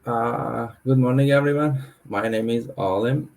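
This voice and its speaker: A man's voice: mid-range voice, a little slow, vocal fry, a little mellow, poor audio. A young man who grew up in Iran, a student panelist, speaking hesitantly with many fillers. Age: young adult.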